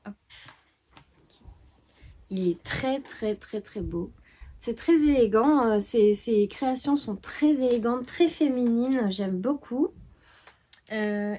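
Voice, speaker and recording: Woman vlog host, slightly high voice, relaxed, hesitant chatter at home. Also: a little hiss or hum. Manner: chatty and hesitant, many fillers. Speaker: knitting podcast host. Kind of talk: casual chat.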